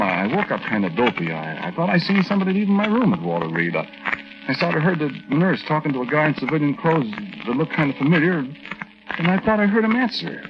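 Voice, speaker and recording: An American actor with a fairly high voice plays a nervous war veteran in a 1940s radio drama, confiding his strange tale in halting, colloquial first-person narration. The recording is noisy and muffled, with clicks typical of 1940s radio.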